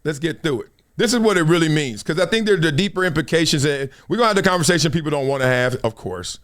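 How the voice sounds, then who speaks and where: A middle-aged show host from South Central Los Angeles, with an American accent, talks fast with lively intonation, delivering casual, slangy, joking commentary and stories. His voice is fairly high and a bit bright.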